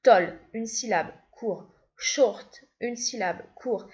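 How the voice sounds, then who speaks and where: A woman's voice: a little high, slow pace, a little mellow. A woman teaching an English grammar lesson, patiently repeating each step. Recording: dull, lo-fi sound.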